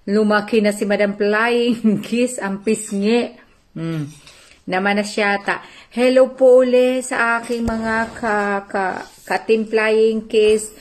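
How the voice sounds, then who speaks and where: A woman's voice: a little high, steady tone, slow pace. A woman with a Filipino accent hosting a casual livestream, greeting viewers by name and reading out their comments. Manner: chatty, reads out viewer names and comments. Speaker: livestream host.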